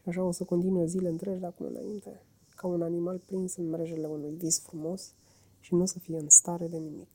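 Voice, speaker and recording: A woman voicing a stern, practical male water rat who shouts and speaks firmly, in a storybook reading. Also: fairly low pitch, little pitch movement. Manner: shouting and firm.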